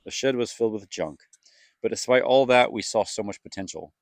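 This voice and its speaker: A man's voice: on the low side, fairly quick, creaky, dry recording. A young man reading a scripted vlog voice-over as an earnest storyteller. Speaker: family vlogger, co-host.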